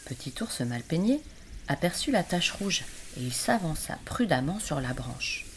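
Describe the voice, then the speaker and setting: A woman reading a children's story aloud, gentle and expressive, with birds singing behind her. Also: sits low, measured pace, noisy background. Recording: birdsong in background.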